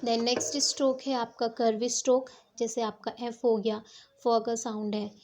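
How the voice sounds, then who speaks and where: A woman's voice: a little high, little pitch movement, moderate pace, darkish tone. A woman teaching shorthand strokes step by step, patiently checking that her students follow. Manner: patient, repeats "ठीक है" to check understanding. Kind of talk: step-by-step classroom explanation.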